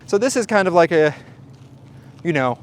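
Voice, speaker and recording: Guy hosting a shooting vid, jokey and playful, kinda high voice. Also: expressive, moderate pace, clean tone. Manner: playful, jokey, talks to the viewer. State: out of breath at times. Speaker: shooting channel host. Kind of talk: casual vlog narration at the range. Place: outdoor shooting range.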